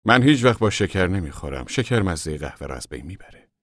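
Brief: male reader playing a cheerful, chatty little camp boss, low voice, dry sound. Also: big pitch swings, no room sound. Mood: friendly. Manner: warm, friendly, chatty. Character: small, friendly, chatty camp manager. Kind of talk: audiobook character voice.

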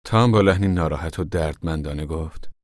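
A man narrating an audiobook in a measured, literary storytelling delivery. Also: very deep voice, no room sound, clean studio sound. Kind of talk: scripted narration.

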